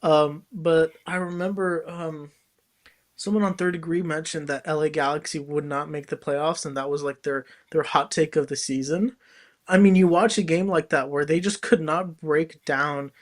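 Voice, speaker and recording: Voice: mid-range voice, fairly even intonation, normal speed. A co-host on a casual soccer talk show, chatty and full of "like" fillers.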